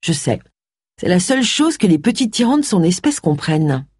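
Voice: mid-range voice, very animated, normal speed, a little mellow, slightly rough, no room sound, voice pushed up. A reader voicing a haughty, commanding young male detective in an audiobook, recorded dry and close. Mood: wry.

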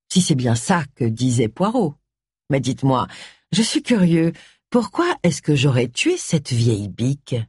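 A man's voice: on the high side, husky, no room sound, studio quality. A reader voicing a smug, genteel man who talks in a mocking, amiable way with a sinister edge.

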